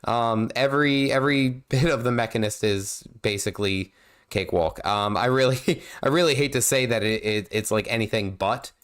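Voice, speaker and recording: Mid-range, slightly bright, and smooth, this man speaks at a moderate pace but sounds nasal because he feels unwell. Hosting a gaming livestream, he rambles casually while he plays, often using fillers and starting over.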